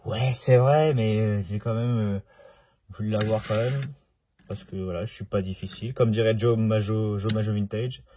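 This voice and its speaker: A man's voice: on the low side, steady tone, moderate pace, mellow. A man talking casually in a home vlog about his toy car collection, chatty and jokey, often interrupting himself.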